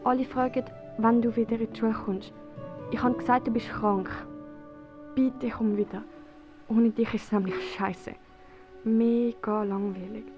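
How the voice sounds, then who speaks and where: Young woman voicing a sorry Swiss school friend, earnest and slow, high-ish voice, muffled under music. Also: fairly even intonation, natural voice. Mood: pleading. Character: remorseful schoolgirl friend, pleading and chatty. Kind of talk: radio play dialogue.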